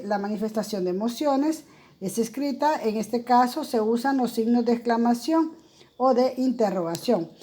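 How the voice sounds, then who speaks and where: A woman teacher explains grammar in a recorded lesson, using lots of fillers and tag questions. Her voice is a little high with a dark tone.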